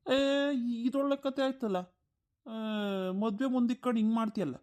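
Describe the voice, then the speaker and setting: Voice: medium pitch, fairly quick, darkish tone, close to an everyday voice. A performer doing a whiny, lazy grown son. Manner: whiny, complaining. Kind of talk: cartoon voice acting.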